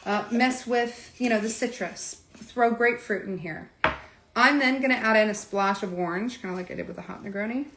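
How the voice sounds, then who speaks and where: Speaking at a normal speed in a medium-pitched voice, a woman hosts an informal live cocktail demonstration full of asides aimed straight at her viewers. The background is noisy, the room echoes, and there is faint clatter.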